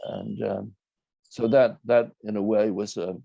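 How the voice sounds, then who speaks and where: An older man, a documentary filmmaker, talks reflectively in an interview, choosing his words in a thoughtful, measured and hesitant way. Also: on the low side, steady tone, gravelly, dry recording, dull audio.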